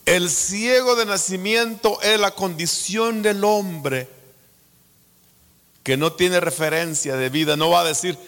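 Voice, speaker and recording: Guatemalan male preacher, Guatemalan Spanish accent, slow and drawn-out, whispers to shouts, echoey hall. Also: high-pitched. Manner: dramatic swings from hushed whispers to fervent shouts. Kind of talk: sermon.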